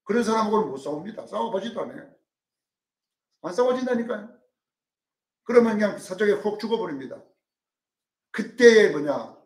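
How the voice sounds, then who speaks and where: A male pastor preaching a sermon, dramatic, swinging from loud calls to hushed asides and acting out quotes. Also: sits high, animated, moderate pace, pauses often, far from the mic. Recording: roomy sound from off-mic.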